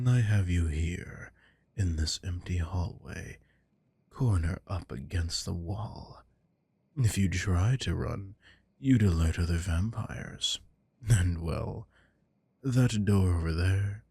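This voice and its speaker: The vampire lord in this ASMR roleplay is dominant and predatory, voiced by a man whose tone is deep, gravelly, breathy and mellow. It's heavily acted, with slow taunting and frequent close whispers into the microphone, and there's no echo.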